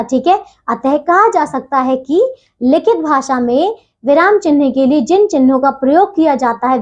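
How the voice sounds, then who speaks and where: High-voiced woman teaching children Hindi grammar. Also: a little mellow, dull audio. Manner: patient, keeps asking "theek hai bachchon?"; leaves deliberate pauses between phrases. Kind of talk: classroom lesson for children.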